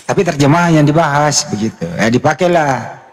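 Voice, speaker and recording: A man hosting a casual live chat, telling stories in an animated way and acting out the exchanges he quotes. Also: a little high, brisk. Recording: long hall reverb.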